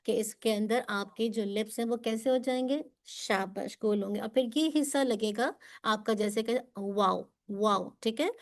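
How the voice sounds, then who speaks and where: A woman teaching Quran recitation, who patiently drills sounds slowly and clearly and switches between Urdu and English to explain them. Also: on the high side. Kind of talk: pronunciation lesson for students.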